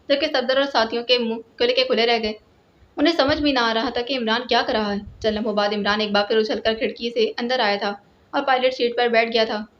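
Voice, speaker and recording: A woman narrating a spy novel in a steady, even reading voice. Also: fairly high pitch. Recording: lo-fi, dull sound.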